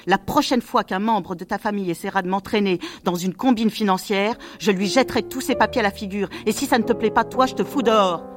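An angry, bullying husband voiced by a woman audiobook narrator. He snaps out harsh threats in a clipped, hard voice, with soft music faintly in the background. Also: medium pitch, fairly quick, few pauses, voice pushed up, close to an everyday voice. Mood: furious. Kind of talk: audiobook character reading.

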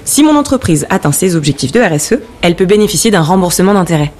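A woman's voice: on the low side, sing-song, fast talker, crowd noise. A woman playing an earnest business owner giving a scripted testimonial in a radio advert. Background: music.

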